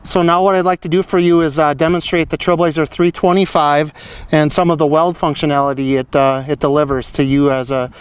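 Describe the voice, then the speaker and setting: A man's voice: a little high, fairly even intonation, a little fast, clean tone, poor audio. A middle-aged man, a product manager, explaining a demonstration step by step in an upbeat way, recorded outdoors on a paved lot with a clip-on mic. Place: outdoor paved lot beside open fields. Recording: outdoor recording with loud engine noise. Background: running generator engine.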